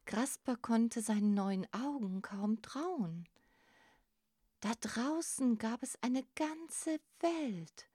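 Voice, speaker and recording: A woman narrating a storybook in a gentle, expressive reading. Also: on the high side, extremely slow, no echo, clean studio sound.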